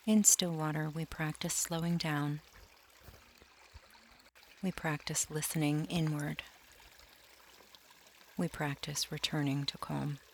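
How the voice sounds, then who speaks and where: A man leading a scripted guided meditation, talking slowly and softly and drifting into near-whispers, with faint trickling water behind him. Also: fairly high pitch, level tone, slight background noise. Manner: slow, soft and soothing, drifting into near-whispers.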